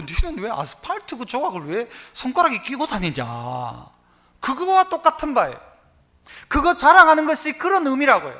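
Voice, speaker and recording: Man, Gyeongsang accent, pastor preaching; high, bright voice, very animated delivery, call-and-response with the congregation. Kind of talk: sermon. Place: church sanctuary.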